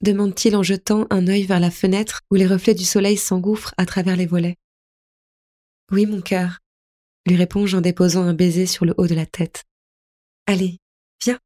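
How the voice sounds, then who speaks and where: A woman narrating a first-person audiobook in a soft, tender, melancholy way. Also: on the low side, level tone, brisk, hardly any pauses.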